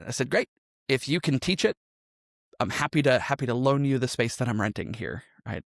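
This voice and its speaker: Speaking fairly quickly and with real animation, a man with a gravelly, medium-pitched voice shares his story as a guest on a podcast. He teaches improv and runs games as a game master, and his reflective, conversational telling is dotted with "right?" checks. The studio sound is clean, with no room echo.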